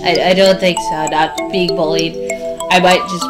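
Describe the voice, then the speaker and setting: A woman playing a reserved, lonely, bookish schoolboy in a live visual novel reading, with halting, stammering delivery. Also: fairly low pitch, level tone, lightly acted. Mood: hesitant, confiding. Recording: loud music over the voice.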